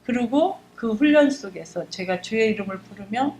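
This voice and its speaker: A woman's voice: on the high side, expressive, moderate pace, a little mellow. A middle-aged woman, a church deaconess, giving an emotional, fervent testimony in a church service. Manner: emotional, fervent storytelling, acts out her own prayers. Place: church sanctuary. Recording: echoey church hall with faint hum.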